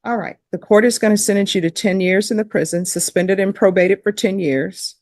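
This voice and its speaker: Measured woman judge, dry sound. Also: mid-range voice, fairly even intonation, darkish tone, no room sound. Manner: measured and procedural, with light fillers. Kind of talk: courtroom proceedings.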